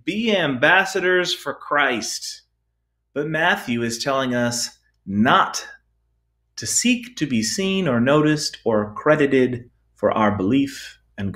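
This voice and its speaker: A man preaching a sermon, telling stories about himself with gentle self-deprecation and asking rhetorical questions. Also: mid-range voice.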